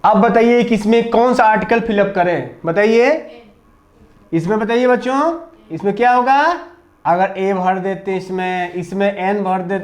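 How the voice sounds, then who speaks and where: A man with a Hindi accent teaches English grammar to a class in a classroom lesson, drilling pupils with repeated questions and answers. His voice is high and his pace measured.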